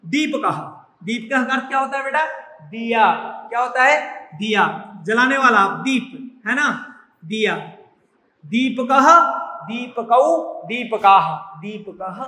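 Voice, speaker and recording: High bright male teacher drilling words. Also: slight background noise. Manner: repeats words slowly, drilling with questions. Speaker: Sanskrit teacher. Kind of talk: classroom lesson. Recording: echoey room.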